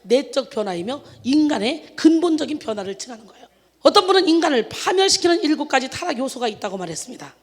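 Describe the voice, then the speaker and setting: A woman's voice: sits high, very animated, fast talker, big-room sound. A woman pastor preaching a sermon in an emphatic manner, with exclamations of hallelujah and rhetorical questions to the congregation.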